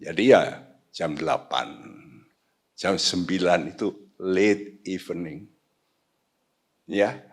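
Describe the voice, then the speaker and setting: A male pastor preaching a sermon, swinging from quiet low asides to sudden loud high outbursts, slipping in English phrases. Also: husky. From Indonesia. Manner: slow, deliberate, mixes in English phrases. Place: church sanctuary.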